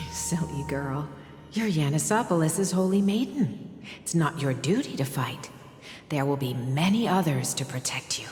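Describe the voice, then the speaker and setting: An actress playing a gentle, loving mother in a game, speaking softly and serenely. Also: low-pitched, expressive, measured pace. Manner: soft, serene, tender, maidenly delivery. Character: gentle loving mother telling her young daughter a tale. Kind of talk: scripted game dialogue. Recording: long echoing reverb, music behind.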